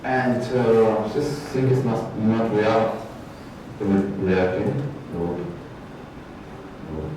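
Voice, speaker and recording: Man, halting presenter, big echoey brick room, distant mic. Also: on the low side, fairly even intonation, background noise. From Peru. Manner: halting, searching for words, self-correcting. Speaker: guest speaker, art faculty lecturer. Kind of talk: conference presentation. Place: large brick-walled event room, indoors. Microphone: far room camera, no mic.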